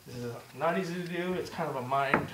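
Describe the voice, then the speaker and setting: A brisk, slightly hoarse man with a voice on the high side coaches a step-by-step demonstration lesson, cheering "just like that" and "good" again and again. He's a bit out of breath and losing his voice, heard from far away in an echoey, very noisy room.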